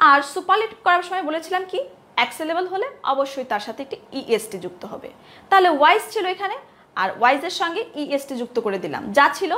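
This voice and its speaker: A woman lecturer teaching a grammar lesson to students. She asks questions, answers them herself and repeats example words slowly. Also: sits high, bright, forceful tone. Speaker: English lecturer.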